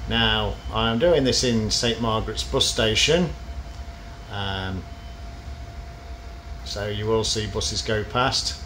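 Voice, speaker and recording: A man's voice: on the low side, fairly bright tone. A man giving a casual, explanatory vlog commentary from inside a parked bus. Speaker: bus enthusiast presenting a video. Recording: noisy vehicle ambience.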